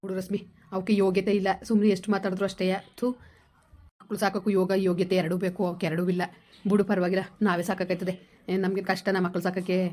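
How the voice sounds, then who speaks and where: Man, lamenting family chat, mellow tone, flat delivery. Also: sits high, fast. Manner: earnest, lamenting. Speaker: husband in a family vlog. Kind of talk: casual heartfelt family talk.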